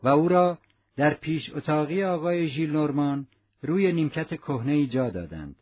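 A man reading a novel aloud as narrator, in a measured storytelling manner. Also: a little high, lively intonation, husky. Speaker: audiobook narrator. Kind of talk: scripted narration. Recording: muffled lo-fi recording.

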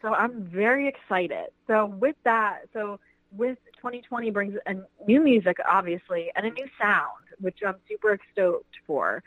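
Female musician guest, bubbly and excited, chatty with fillers, dry close sound. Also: mid-range voice, a little slow, no echo, poor audio. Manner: enthusiastic, gushing, many fillers. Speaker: singer, interview guest. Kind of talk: casual interview chat.

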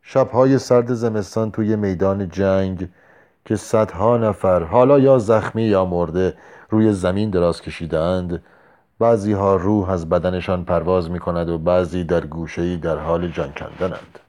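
A man's voice: deep voice, fairly even intonation, darkish tone, lightly acted. A man reading a drunk, brooding old soldier. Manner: slow, heavy-tongued musing. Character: drunk, war-hardened male soldier, brooding and rough.

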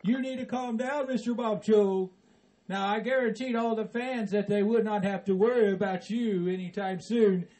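A man playing a jolly, patient old Santa Claus who talks slowly and soothingly between ho-ho-hos. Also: high voice, fairly even intonation, mellow, close to an everyday voice, poor audio. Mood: calming. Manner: slow, soothing, chuckling ho ho ho.

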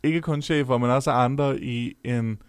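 A man's voice: mid-range voice, steady tone, smooth, dry recording, studio quality. A young man chatting casually on a podcast, hesitant and full of filler sounds.

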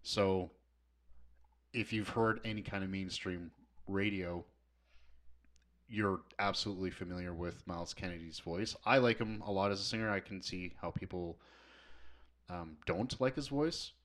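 Deep-voiced man talking rock music. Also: normal speed, long pauses, fairly bright tone. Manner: enthusiastic, rambling with restarts. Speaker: podcast co-host. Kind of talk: casual chat.

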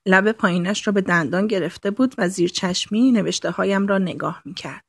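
A woman reads a novel aloud in a calm, intimate storytelling voice with a husky, breathy grain. Her pitch sits in the middle, and at times she sinks into a soft whisper. The recording is dry and close, with no room sound. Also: dry recording. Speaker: audiobook narrator. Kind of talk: scripted narration.

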